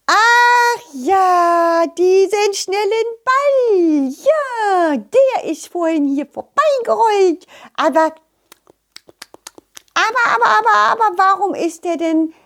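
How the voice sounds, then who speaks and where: Woman putting on a squeaky, giddy storybook butterfly. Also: lively intonation, fairly bright tone, full character voice. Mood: surprised. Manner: giddy, repeats words, drawn-out squeals. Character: excitable chatty male butterfly, suddenly very loud.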